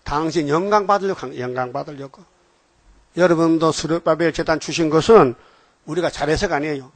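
A man's voice: on the high side, fairly quick, no room sound. An older man preaching a sermon, emphatic and constantly prompting the congregation for a response. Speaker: pastor.

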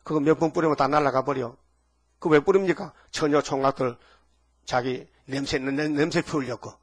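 A man's voice: fairly high pitch, a little fast, husky. A male pastor preaching a sermon in a folksy way, often asking the congregation short rhetorical questions.

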